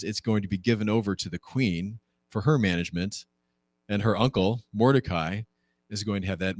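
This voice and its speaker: A man, a pastor leading a Bible class, retelling a story conversationally, asking the class rhetorical questions and acting out quoted lines. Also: no echo. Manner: conversational and animated, acts out quoted lines with jumps in pitch.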